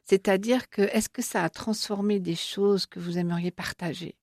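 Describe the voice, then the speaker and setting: A woman's voice: mid-range voice, fairly even intonation, moderate pace, dry recording. Encouraging female interview host, dry studio. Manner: warm, encouraging, with frequent fillers and restarts. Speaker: show host. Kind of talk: interview conversation.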